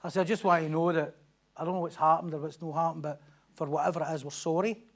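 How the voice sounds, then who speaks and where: A man's voice: on the high side, steady tone, quick pace. A middle-aged man, a pastor delivering a sermon with emphatic, repetitive lines and rhetorical questions.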